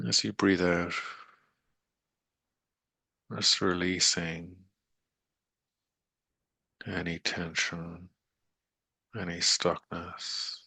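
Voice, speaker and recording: A man leads a meditation slowly and soothingly, with long pauses between short phrases and a very even, nearly flat delivery. His deep voice is husky and breathy but crisp in the highs as he gently coaxes the listener along. There is no room sound.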